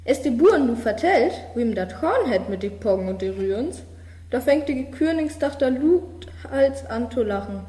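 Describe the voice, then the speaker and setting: A woman reading a fairy tale aloud in a slow, measured storytelling manner. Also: a little high, lively intonation, warm tone. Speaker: reader. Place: studio of a media centre. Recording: roomy hall reverb.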